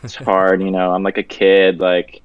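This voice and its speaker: A young man from Venezuela, talking casually and joking as a guest artist, loose and relaxed, with the odd swear word. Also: deep voice, normal speed, clean tone, dry recording. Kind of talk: casual interview chat. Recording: dull, dry audio.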